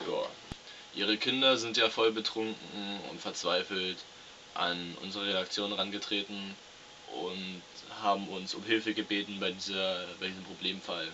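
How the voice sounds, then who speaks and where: Male co-host as earnest field reporter, very sharp low-ish voice, mock interview, dull hissy recording. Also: fairly even intonation, normal speed.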